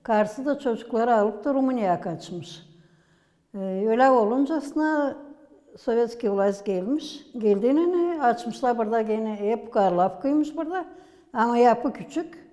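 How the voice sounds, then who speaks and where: A woman from Gagauzia with a Gagauz accent, explaining village history as a local museum guide in an unhurried, halting way with many pauses. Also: a little high, animated, warm tone, in a large hall. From Gagauzia, Moldova.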